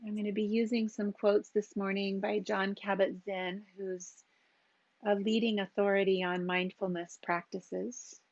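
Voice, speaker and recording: A woman teaching a yoga class, giving calm and gentle cues for breath and posture with long pauses. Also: medium pitch, no room sound, muffled recording. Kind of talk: guided yoga and meditation instruction.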